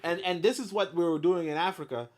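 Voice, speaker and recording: This man's voice sits high and moves fast as he reads a history text aloud. He keeps interrupting himself with spirited, blunt commentary full of profanity and filler words.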